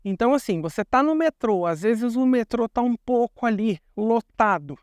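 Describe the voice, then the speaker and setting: A man's voice: extremely high pitch, animated, moderate pace, smooth, no room sound, studio quality. A young Brazilian man with a Brazilian Portuguese accent, explaining things in a chatty vlog and repeating words for emphasis. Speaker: vlogger.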